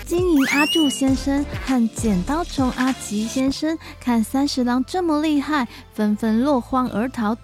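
A woman's voice: sits high, measured pace, few pauses, music in the background. A woman storyteller narrating for small children, talking to them as if reading to a toddler.

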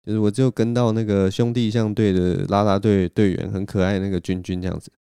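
Mellow low-voiced man rambling casually. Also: little pitch movement, fast talker, clear, resonant tone, no room sound, studio quality. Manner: rambling, self-mocking, chuckles often. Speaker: podcast host. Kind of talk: casual solo storytelling.

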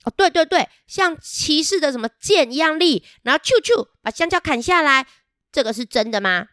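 A woman's voice: sits high, animated, normal speed, fairly bright tone, no echo, clean studio sound, pitched above the performer's own voice. A woman voicing a brave, blunt young male rhinoceros beetle who presses with questions. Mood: puzzled.

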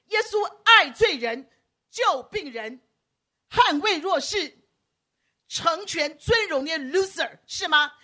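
A woman preacher delivers a lively sermon, joking with her congregation and acting out the voices she quotes. Her voice sits high and bright, swinging widely in pitch. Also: slow. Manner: animated, teasing, acts out quoted voices. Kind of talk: lively sermon with audience banter.

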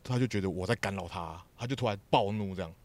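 Fast-talking young Taiwanese man. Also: low-pitched. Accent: Taiwanese Mandarin. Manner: fast, animated storytelling with frequent swearing. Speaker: podcast co-host. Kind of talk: casual chat, storytelling.

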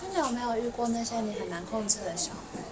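A woman's voice: fairly high pitch, expressive, quick pace, distant mic, crowd noise. A woman co-hosting a podcast, teasing and prompting with questions in casual chat.

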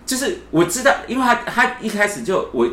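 A man's voice: sits high, very animated, brisk, pushed and bright. A man, co-hosting a casual podcast chat and telling a story while acting out the quoted lines. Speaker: podcast co-host. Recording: echoey room, faint hiss.

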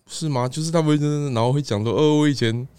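A man's voice: on the high side, quick pace, darkish tone, smooth. A man with a Taiwanese Mandarin accent, a fitness coach guest chatting offhandedly on a podcast. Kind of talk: casual chat.

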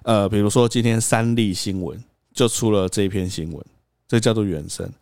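A man's voice: on the low side, moderate pace, a little mellow, no room sound, clean studio sound. A young man telling a workplace story on a podcast, acting out quotes and laughing often. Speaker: podcast host. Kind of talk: casual storytelling chat.

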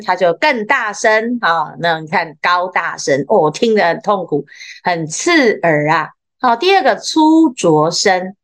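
Lively Taiwanese Mandarin nun preaching. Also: female voice, medium pitch. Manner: lively, sprinkles in interjections like ha and oh; slows down when reading sutra lines. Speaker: Buddhist nun teaching scripture. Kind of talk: Buddhist dharma talk.

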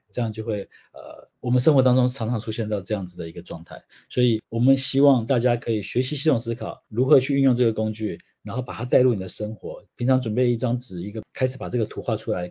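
A man speaks in a low, husky, mellow voice. He explains patiently, using everyday examples. The audio sounds slightly dull. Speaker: guest, systems change consultant. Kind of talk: explanatory interview answers.

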